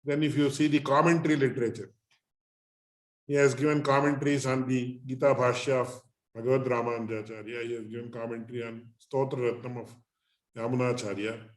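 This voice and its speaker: A man teaching in a measured, deliberate way, phrase by phrase, as in a scholarly religious lecture. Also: medium pitch, level tone. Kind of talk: lecture on Sanskrit literature and philosophy. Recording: echoey, roomy sound.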